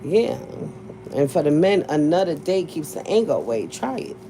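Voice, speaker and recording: Woman host, lower voice with very lively pitch, blunt and profane live-stream chat, faint background noise. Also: normal speed. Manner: blunt, profane, laughs often. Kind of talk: casual livestream chat with viewers.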